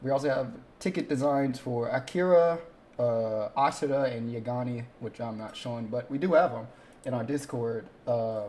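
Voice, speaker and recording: A man's voice: medium pitch, normal speed, darkish tone. A man running a tabletop game who chats casually and swears easily. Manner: laid-back, swears casually. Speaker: game master. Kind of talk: casual livestream chat.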